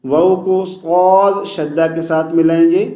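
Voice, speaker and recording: A man teaching Quran recitation, spelling out letters and drawing out each word slowly between quick explanations. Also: a little high, steady tone, dark tone, roomy sound. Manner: slow, drawn-out recitation alternating with quick explanations.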